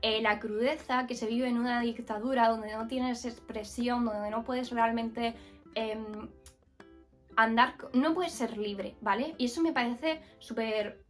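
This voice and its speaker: A woman's voice: on the high side, fairly even intonation, unhurried, faint music behind. A woman from Murcia, giving a casual, frank book review with many fillers and restarts. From Murcia, Spain. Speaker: book vlogger.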